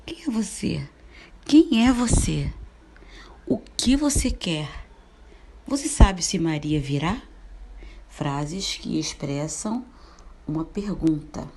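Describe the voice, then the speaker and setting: A woman teacher giving a recorded grammar lesson, explaining step by step, asking rhetorical questions and reading examples with lively expression. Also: on the low side, creaky.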